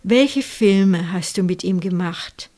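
A woman interviewing an author, asking measured questions. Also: on the low side, lively intonation, a little mellow.

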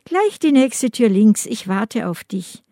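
A husky, tipsy woman murmurs her invitations at a leisurely pace, voiced by a woman reading an audiobook. The tone is soft and mellow. The sound is close and dry. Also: a little high, big pitch swings, slow pace, no room sound, heavily acted. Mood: seductive.

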